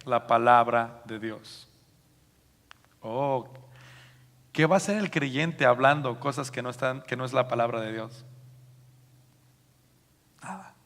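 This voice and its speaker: A man with a Mexican Spanish accent preaching a sermon as a pastor, lively and joking, loudly acting out the quotes he reads. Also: medium pitch, takes it slowly, pauses often, long reverb tail. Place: church hall.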